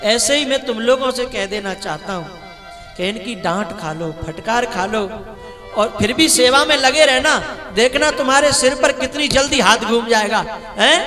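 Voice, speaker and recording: A man giving a devotional sermon as a katha preacher, telling stories with emotion and slipping into slow sung bhajan lines. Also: very high voice. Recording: reverberant hall with music.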